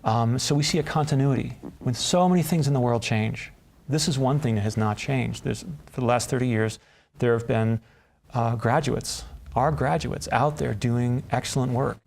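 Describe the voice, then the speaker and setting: A man's voice: mid-range voice, moderate pace, creaky, darkish tone. A man who runs the school speaks reflectively in a promotional interview, using fillers.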